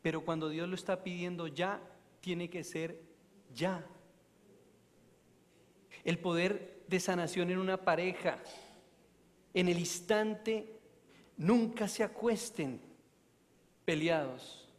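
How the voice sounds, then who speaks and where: Lay speaker, male, storytelling mission talk, moves from loud to hushed; church reverb. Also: high-pitched, slow pace, long pauses. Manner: animated, swings from loud to hushed. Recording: long church reverb, faint noise.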